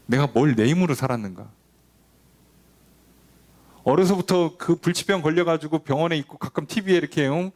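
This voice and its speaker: A man's voice: fairly high pitch, moderate pace, long pauses, darkish tone. Conversational male pastor preaching. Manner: conversational preaching, asks the congregation questions; acts out quoted dialogue between God and people. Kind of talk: Bible study sermon.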